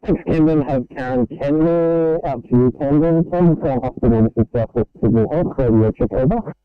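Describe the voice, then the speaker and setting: A man's voice: mid-range voice, normal speed, clear, resonant tone, no echo. A man working as a radio check operator, speaking in procedural two-way radio exchanges over a narrow, tinny transmission.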